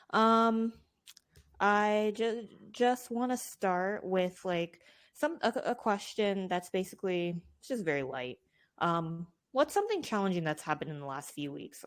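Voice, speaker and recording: A young woman hosting a podcast interview, chatty and casual, with lots of fillers. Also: medium pitch. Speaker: podcast host.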